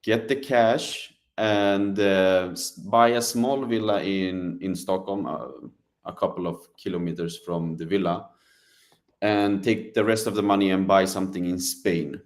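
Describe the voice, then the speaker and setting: A man from Sweden, a real estate advisor, speaking as an interview guest in a measured, hesitant way with many ums. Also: deep voice, fairly even intonation. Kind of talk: casual interview.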